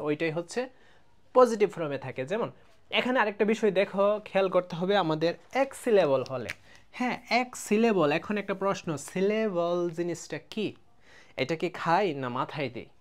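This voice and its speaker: A man teaching an English grammar lesson in a casual video, explaining step by step, checking that students follow, and drawing out example words slowly. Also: sits high. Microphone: close mic, writing on a board.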